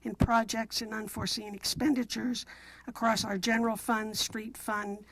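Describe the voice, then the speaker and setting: A woman's voice: fairly high pitch, little pitch movement, normal speed, a little hiss or hum, poor audio. A woman city council member formally presenting motions and explanations at a meeting in a businesslike, procedural manner.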